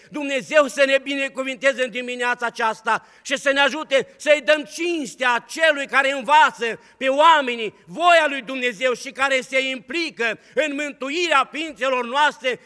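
A man preaching a fervent sermon, swinging between loud declarations and hushed storytelling. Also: extremely high pitch. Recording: long hall reverb.

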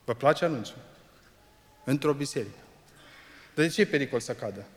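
A man preaching a sermon, firing rhetorical questions at the congregation and swinging between hushed and loud passages. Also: mid-range voice, lively intonation, in a large hall.

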